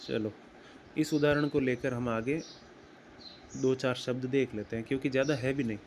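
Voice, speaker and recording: A man teaching grammar, explaining slowly and deliberately and repeating words as he writes them out. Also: medium pitch, steady tone, slight background noise. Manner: slow and deliberate, repeats words while writing. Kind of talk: explaining at a whiteboard.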